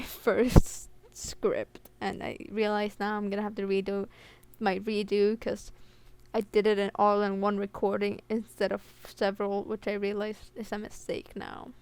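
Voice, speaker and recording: A woman's voice: mid-range voice, darkish tone, clear, resonant tone. A young woman with a slight lisp giving a rambling, self-deprecating school presentation, recorded at home on a computer headset that picks up her breathing. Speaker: student presenter.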